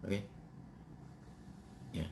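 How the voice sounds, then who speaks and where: A male pastor, preaching a sermon in a church and telling family stories with lively swings in pitch. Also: drawn-out words.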